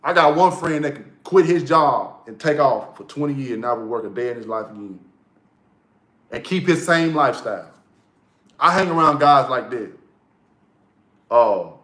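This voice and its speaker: A man's voice: medium pitch, lively intonation, normal speed, pauses often, fairly bright tone. A man giving a casual motivational monologue, blunt and profane, repeating key lines for emphasis. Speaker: motivational vlogger. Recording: echoey room.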